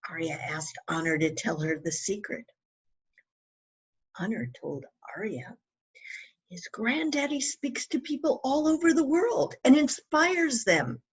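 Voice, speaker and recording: A children's author reads her own book aloud expressively, using emphatic phrasing and asking questions of young listeners. Her mid-range voice is slightly rough, and the highs are cut off in the recording.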